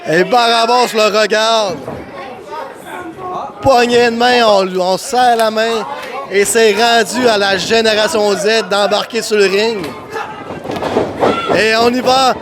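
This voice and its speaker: A man calls wrestling live as an excitable commentator. His voice sits very high and often rises into shouts, with drawn-out, slower phrasing. A noisy crowd is clearly heard behind him. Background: crowd and event noise.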